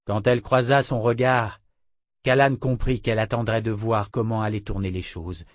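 A man reading a fantasy novel aloud as audiobook narration, measured and expressive. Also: lowish voice, no echo, clean studio sound. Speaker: audiobook reader.

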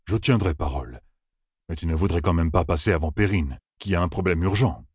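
A huge, soft-hearted Ogier from a fantasy storybook, anxious and pleading, voiced by a man narrating. The voice is low, husky and gently unsteady. It sounds dry and close-miked. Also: animated, fairly quick, no room sound. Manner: soft, pleading, slightly trembling.

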